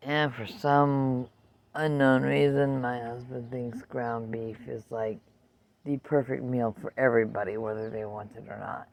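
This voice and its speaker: A woman's voice: extremely low pitch, flat delivery, unhurried, a little mellow. An older woman in a casual outdoor vlog, chatting unhurriedly and talking to her dog between remarks. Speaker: vlogger.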